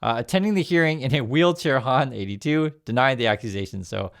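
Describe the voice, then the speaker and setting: A man's voice: mid-range voice, expressive, brisk, creaky. A man in his fifties from Vietnam, raised in the USA, talking casually about the news, reading articles aloud and adding his own remarks with many fillers and restarts. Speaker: news commentator. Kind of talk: casual news commentary vlog.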